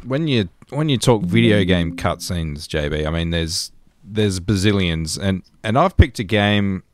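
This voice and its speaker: A podcast co-host in his thirties from rural New South Wales tells stories in a casual, chatty way, with an Australian accent. His voice sits low, expressive, and measured in pace.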